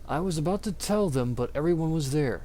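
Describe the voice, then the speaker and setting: Animated and fairly quick, a man with a warm, higher voice performs an amateur reading of fan fiction. He plays it mock-dramatic and exaggerated, often cracking up into giggles.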